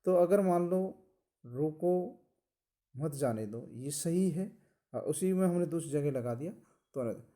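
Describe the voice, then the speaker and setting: A man giving a college lecture, explaining slowly and deliberately, often repeating phrases. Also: a little high, animated, mellow. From India. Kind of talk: recorded lecture.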